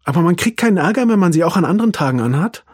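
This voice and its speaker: A man's voice: expressive, racing, a little mellow, slightly rough, no room sound, studio quality. A man voicing a restless seven-year-old boy who pleads and whines to his grandfather. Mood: pleading. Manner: high, eager, whining pleas.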